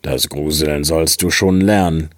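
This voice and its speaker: A man's voice: extremely low pitch, steady tone, unhurried, no echo, studio quality, voice pushed down. A man voicing a worried, sighing father who scolds his son in a fairy-tale audiobook. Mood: stern, weary. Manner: stern, weary.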